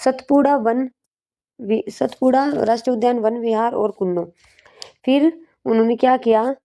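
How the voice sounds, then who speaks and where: Woman teaching with gravelly, mellow voice. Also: fairly high pitch, moderate pace. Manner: asks questions and answers them herself, repeats for drilling. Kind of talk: exam-prep lesson with memory tricks.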